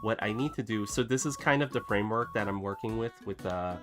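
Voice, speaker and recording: Still getting over a cough, an artist chats casually while he draws on a stream, his voice on the low side and a little fast. He rambles with lots of fillers and restarts over soft background music.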